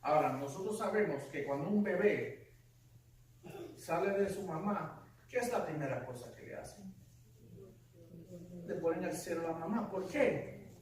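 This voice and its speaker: A man's voice: high-pitched, expressive, moderate pace, long pauses. A man preaching a sermon as pastor, emphatic and full of rhetorical questions. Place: church sanctuary. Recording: echoey church hall, distant mic.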